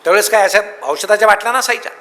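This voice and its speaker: Male motivational speaker with a sharp, bright tone, full of lively storytelling, recorded in a big reverberant hall. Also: sits high, very fast. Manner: lively storytelling with comic anecdotes. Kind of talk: humorous public speech.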